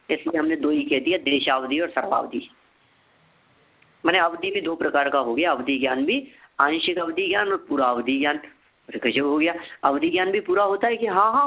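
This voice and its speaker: A man teaching a scripture lesson, asking and answering his own questions and repeating key terms slowly so they can be memorized. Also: high voice. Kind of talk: scripture lecture. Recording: phone-like narrow sound.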